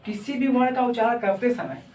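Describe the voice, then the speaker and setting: A woman's voice: a little high, animated, a little fast, a little mellow, far from the mic, slight background noise. A woman teaching a grammar lesson, asking herself questions and answering them, and sounding out vowel examples one by one. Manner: asks rhetorical questions and answers them, repeats tag questions. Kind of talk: exam-prep grammar lesson. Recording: roomy echo, voice off-mic.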